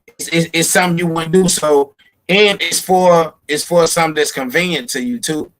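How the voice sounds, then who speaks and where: A man talking casually as a podcast host, lecturing in animated street slang over a patchy call. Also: on the high side, moderate pace, rough recording. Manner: animated, preachy street talk. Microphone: remote call with connection breaking up.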